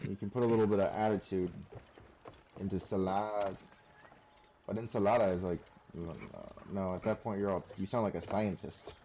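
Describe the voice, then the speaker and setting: A man's voice: low-pitched, steady tone, moderate pace, mellow, slight background noise, poor audio. A man giving casual, rambling gameplay commentary with wry, self-mocking jokes. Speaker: let's play commentator.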